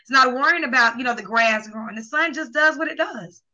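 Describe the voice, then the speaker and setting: A woman's voice: high voice, fairly quick, pushed and bright. A woman co-hosting a talk show, rambling earnestly with lots of filler phrases and close to tears. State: near tears. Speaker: co-host and sex coach. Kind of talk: casual talk show chat. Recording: dull lo-fi sound.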